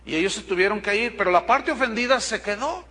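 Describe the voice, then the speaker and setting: A man's voice: high-pitched, lively intonation, quick pace, bright, forceful tone, slight background noise. A man with a Mexican accent, a pastor preaching a sermon to his congregation, telling a story bluntly with asides to the listeners. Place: church congregation.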